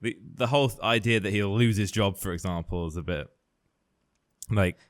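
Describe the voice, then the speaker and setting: A man's voice: on the low side, moderate pace, no room sound, studio quality. A young man co-hosting a podcast, teasing and skeptical in casual chat. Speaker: podcast co-host.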